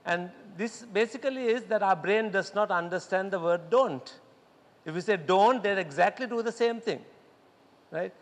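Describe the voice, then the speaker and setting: A man giving a lively workshop talk to doctors, acting out quotes and laughing often. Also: sits high, normal speed. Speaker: speaker at a medical congress workshop. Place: lecture hall. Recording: echoey hall with long reverb.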